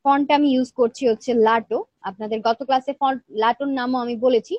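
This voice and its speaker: A woman leads a live online design class, walking through each step and checking in with her students. She talks quickly in a high voice, kept soft because she feels weak today. The audio is dry and a little dull, like a low-fi online class. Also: steady tone, no echo. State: feeling weak, speaking softly. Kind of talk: live screen-share tutorial.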